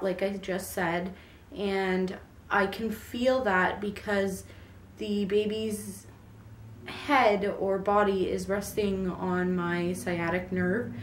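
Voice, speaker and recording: With a cold making her throat raw and sore, a vlogger in her twenties casually updates viewers on her pregnancy, saying um a lot. The medium-pitched voice carries a faint hiss or hum, and the mic sits at a distance in an echoey space.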